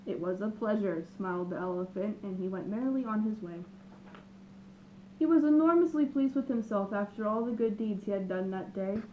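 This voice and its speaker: A woman reading a children's picture book aloud with lively, expressive narration. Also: medium pitch, moderate pace, phone-quality sound, background noise. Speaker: storyteller. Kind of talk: children's storybook read-aloud.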